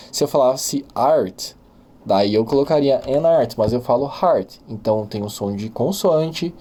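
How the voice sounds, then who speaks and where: A man whose first language is Portuguese, teaching a beginner English lesson and patiently repeating each example word slowly. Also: medium pitch, dark tone.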